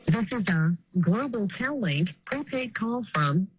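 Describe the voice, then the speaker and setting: A woman's recorded automated announcement heard over a prison phone line, reading prompts in a measured, evenly spaced way. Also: mid-range voice, lively intonation, faint music behind. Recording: tinny phone-line playback.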